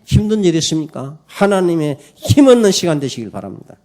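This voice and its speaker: A man's voice: on the high side, big pitch swings, brisk, mellow. A man pastor giving a Sunday morning sermon in church, preaching emphatically, calling for amens and telling a story with many fillers. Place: church service.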